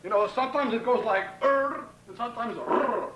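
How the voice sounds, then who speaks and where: With faint music behind him, a Brooklyn-accented home video maker from Brooklyn, New York, rambles profanely to a pen pal on a camcorder set on a tripod in his apartment bedroom, bragging, threatening, stuttering through restarts and saying "man" constantly. His very high voice moves at a moderate pace with a fairly bright tone. The 1990 tape has its highs cut off and sounds roomy and distant, with hiss.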